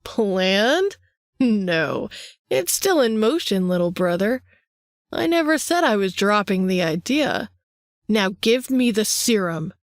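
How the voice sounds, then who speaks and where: A woman's voice: mid-range voice, very animated, slow, no echo, clean studio sound. A woman voicing a power-hungry vampire man who taunts his younger brother in a sing-song way. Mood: menacing.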